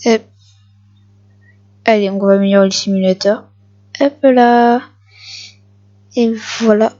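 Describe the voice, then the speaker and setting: A woman giving casual gameplay commentary for her video channel, excitable and repeating short phrases at the game. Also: mid-range voice, takes it slowly, highs cut off. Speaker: gaming video creator.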